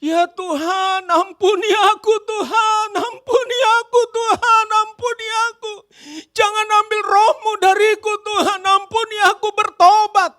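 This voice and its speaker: A man acting out a repentant king in tears, begging again and again for mercy. The voice sits high and bright, strained with pleading. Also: fairly even intonation, unhurried, few pauses, full character voice. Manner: tearful pleading.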